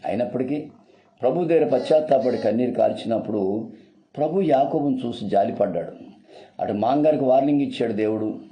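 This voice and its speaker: A man's voice: mid-range voice, fairly quick, lo-fi sound, slight background noise. A man preaching a sermon in an earnest, repetitive, urgent style.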